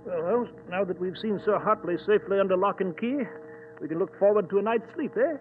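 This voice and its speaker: An actor playing a blustery, loyal gentleman doctor with exclamatory, old-fashioned speech, in 1940s radio style. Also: sits high, fairly quick, soft background music, natural voice. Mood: weary. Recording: noisy, tinny old radio recording.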